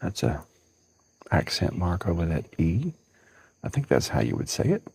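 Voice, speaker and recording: Man, 40s, live-stream co-host: low, raspy, mellow, close and dry. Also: normal speed, no room sound. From central Alabama. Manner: calm, thanking viewers. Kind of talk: casual chat on a live stream. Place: outdoors on a home porch at dawn.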